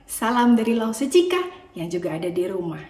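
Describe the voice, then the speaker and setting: A woman preacher giving a children's sermon, gentle and coaxing as she talks to the kids. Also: medium pitch, sing-song, moderate pace. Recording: roomy echo.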